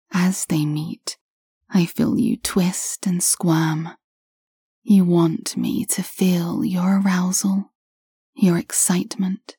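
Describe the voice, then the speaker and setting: A woman telling a story in a hushed, unhurried whisper, close and intimate. Her voice is low, dark and airy, with a flat, even melody. The sound is dry, with no room around it. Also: breathy edge, dry recording. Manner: soft, slow, intimate whisper throughout. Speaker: narrator. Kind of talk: whispered second-person audio story.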